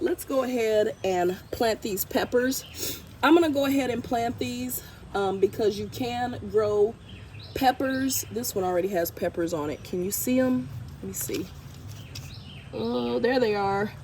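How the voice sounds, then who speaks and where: A woman's voice: mid-range voice, a little mellow, slight background noise. A congested woman vlogging as she plants her garden outdoors, chatty and thinking aloud while she works. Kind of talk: casual vlog narration while gardening. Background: birds and outdoor ambience.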